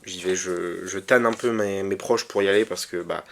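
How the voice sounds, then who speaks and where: A man's voice: low-pitched, steady tone, moderate pace, vocal fry, a bit bright, a little hiss or hum. A man casually presenting his record collection, hesitant with many fillers and restarts, enthusiastic about the music. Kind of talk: casual vlog talk.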